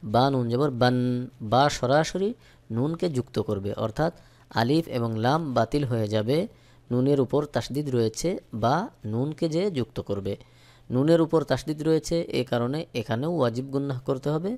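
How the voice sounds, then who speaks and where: A man teaching Quran recitation, who spells out each letter with its vowel mark and then draws the recited word out slowly. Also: medium pitch, darkish tone. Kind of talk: spelling-out tajweed lesson.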